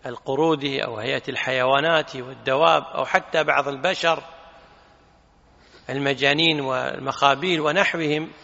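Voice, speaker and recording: A man's voice: medium pitch, vocal fry, sharp tone. A man teaching a religious lesson, explaining a text emphatically and posing rhetorical questions. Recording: reverberant hall, dull lo-fi sound.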